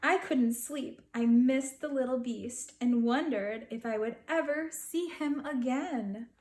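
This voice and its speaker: A woman's voice: sits high, slow, roomy sound. A woman voicing a fond, imaginative little girl who tells her own storybook tale expressively. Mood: wistful. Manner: expressive, dramatic storybook telling.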